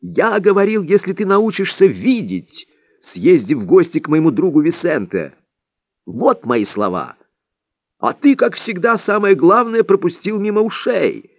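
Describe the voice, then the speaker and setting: A man's voice: fairly high pitch, lively intonation, slow, darkish tone, dry recording, highs cut off, pitched above the performer's own voice. A man doing a stern, scolding old sage.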